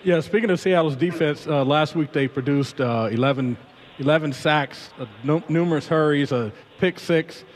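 A man co-hosting sports radio, giving a relaxed, measured breakdown of football play with many fillers. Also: fairly high pitch, a little hiss or hum.

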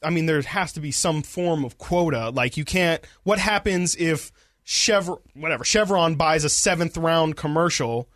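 A man hosting a casual sports podcast from a radio studio, chatty and relaxed, with frequent fillers. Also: on the high side, normal speed, no room sound. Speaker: podcast host. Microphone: studio microphone.

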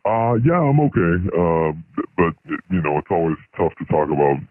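Guy calling in w/ a voice changer on, lowish disguised voice, tinny phone sound, kinda halting. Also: big pitch swings, dry recording. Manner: hesitant, halting with many ums. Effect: voice changer disguising his voice. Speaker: anonymous caller. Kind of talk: confessional phone-in chat.

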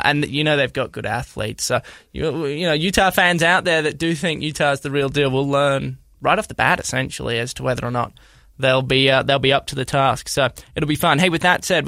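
A man's voice: medium pitch, brisk, vocal fry, sharp tone, no room sound, clean studio sound. A man in his thirties with an Australian accent, hosting a casual sports podcast as a chatty, self-deprecating storyteller. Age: 30s. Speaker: podcast host.

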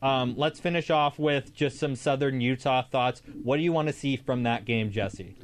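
An American man speaks as the host of a sports show. His voice sits at a middle pitch and his delivery is casual and conversational. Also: moderate pace, a little hiss or hum.

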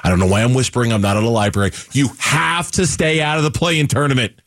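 A man's voice: medium pitch, quick pace, fairly bright tone, no echo. Emphatic male sports radio co-host. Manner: emphatic, repeats himself, many restarts. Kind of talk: sports talk radio chat.

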